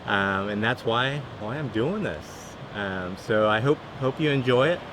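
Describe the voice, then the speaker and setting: A middle-aged father giving advice in a relaxed, conversational vlog, with many ums and uhs. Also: medium pitch, a little slow, noisy background.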